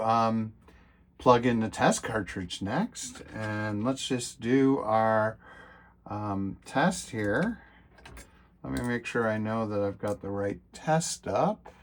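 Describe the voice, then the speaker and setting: A middle-aged man talks through his bench repairs in a relaxed, drawn-out pace, muttering fillers as he works. He gets openly excited when a test passes and worried when something breaks. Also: mid-range voice. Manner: excitable, thinking aloud with many fillers. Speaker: retro computer repair vlogger. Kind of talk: casual hands-on repair commentary.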